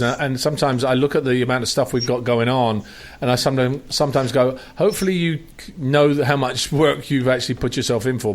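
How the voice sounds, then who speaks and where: A man hosting a talk radio show, talking in a rambling, emphatic way with many restarts. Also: medium pitch. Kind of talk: casual talk radio chat.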